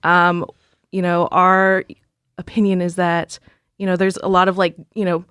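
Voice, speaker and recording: A woman in her twenties, a podcast guest, talking in an unhurried way with many fillers. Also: fairly low pitch, flat delivery, a bit bright, clean tone, dry recording, clean studio sound. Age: 20s. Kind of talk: casual podcast talk. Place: podcast studio.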